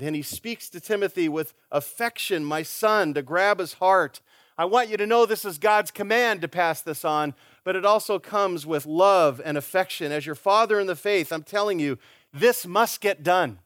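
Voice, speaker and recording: A male preacher delivering a sermon in a seminary chapel. His voice sits a bit high, and he presses his points with emphatic, forceful exhortation. The recording is dry and close, with little room sound. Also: normal speed, dry recording.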